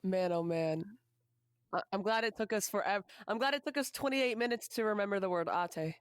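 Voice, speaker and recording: A woman in her twenties co-hosting a casual podcast, animated and opinionated, swearing casually. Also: mid-range voice, brisk, smooth, dry recording, clean studio sound. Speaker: podcast co-host.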